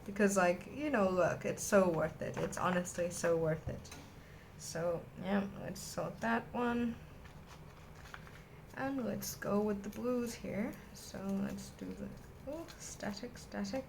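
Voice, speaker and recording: A woman's voice: mid-range voice, steady tone, slow pace, gravelly, noisy background. A woman vlogger chatting to camera indoors at a desk, gushing and rambling enthusiastically. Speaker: vlogger unboxing a stationery haul. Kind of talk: casual chat to camera.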